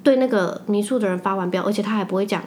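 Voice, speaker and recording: A young woman with a Taiwanese Mandarin accent co-hosts a podcast, chatting casually and telling stories in a quick, animated, emphatic way. Her voice is mid-range, with slight background noise.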